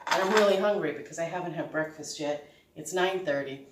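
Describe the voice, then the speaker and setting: Casting: woman, Boston accent, lowish voice, chatty rambling home-cook host, recorded in an echoey room. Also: a little fast, noisy background. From Boston, United States. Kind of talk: casual cooking vlog chat. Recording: echoey room, distant microphone.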